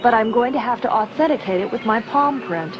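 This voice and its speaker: Woman as Princess Leia, brisk higher-voiced rebel leader. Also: lively intonation, highs cut off, noisy background, natural voice. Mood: firm, assured. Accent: American. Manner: businesslike, assured, clearly articulated. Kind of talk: audio drama acting.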